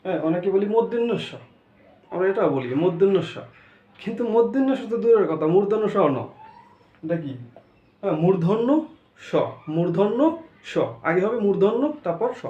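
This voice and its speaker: High-voiced teacher quizzing in an echoey room. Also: male voice, animated, brisk, pauses often, warm tone. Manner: quizzing, asks questions and answers himself, repeats each sound. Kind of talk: pronunciation lesson. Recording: echoey room, dull lo-fi sound.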